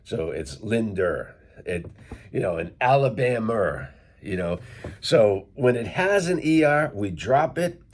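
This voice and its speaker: A middle-aged English teacher vlogger from Worcester, Massachusetts, with a light local accent, casually explains English sounds to his viewers on camera and spells words out step by step. His voice sits on the low side with a sing-song lilt, and he speaks slowly. A little hiss or hum is audible.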